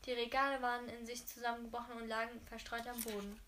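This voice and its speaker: A woman's voice: fairly high pitch, flat delivery, fast talker, a bit bright. A woman reading a novel aloud, often stumbling and correcting herself mid-sentence. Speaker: reader.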